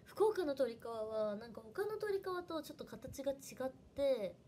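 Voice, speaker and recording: A young woman with a Hiroshima dialect chats away on her livestream in a fairly high voice. She is animated and talkative, and she thanks viewers by name as she goes. A faint hiss sits behind her. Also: moderate pace. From Fukuoka, Japan. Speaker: idol trainee livestreamer. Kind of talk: casual livestream chat.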